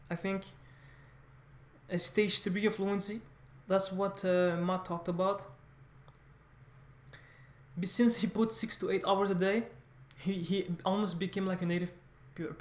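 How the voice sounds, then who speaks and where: A high-voiced man whose first language is French vlogs off the cuff to his viewers as a language learner. He rambles haltingly, repeating words, correcting himself and restarting phrases, with a clear room echo around him.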